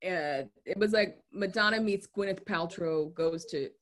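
A woman's voice: on the low side, unhurried. A woman chatting casually about a TV series, blunt and profane, laughing often.

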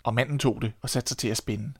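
A Danish man reading a fairy tale aloud in a calm, measured storytelling manner. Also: medium pitch, dry recording, studio quality.

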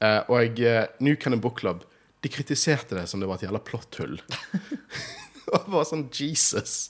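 With a medium-pitched, slightly rough voice, this very animated Bergen-accented man hosts a laid-back podcast. He talks a lot and laughs frequently.

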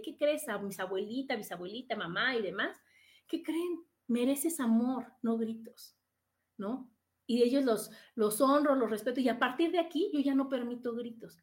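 A woman hosting a reflective talk, asking her listeners questions and acting out quoted people. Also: a little high. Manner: speaks to listeners with rhetorical questions and "¿no?"; acts out quoted people in brighter, louder bursts. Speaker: podcast host. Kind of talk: reflective monologue.

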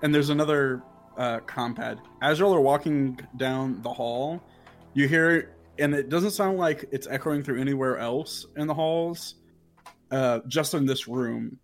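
A man's voice: mid-range voice, a little slow, faint music behind. A man narrating as game master of a tabletop game, rambling and filling his sentences with "like". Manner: rambling, heavy use of "like".

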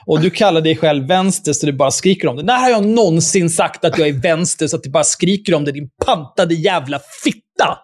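A man's voice: a little high, hardly any pauses. A man hosting a podcast, reading out listener emails and tearing into them with furious, profane ranting and scornful laughs. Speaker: podcast host.

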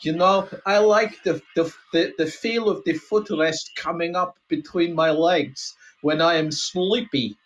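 In improvised comic role-play, a man voices a retired Russian KGB colonel, speaking halting, rambling broken English with dropped articles in a fond, nostalgic mood. His mock Russian accent sometimes slips into Scottish. His voice is on the high side and close to an everyday voice, and the recording is rough.

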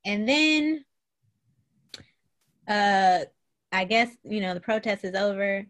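A woman in her thirties co-hosts a casual podcast, telling the episode's events in an animated, profane way. Her voice sits at an ordinary pitch, and she laughs often as she talks. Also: slow. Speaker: podcast co-host. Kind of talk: casual chat recapping a TV show.

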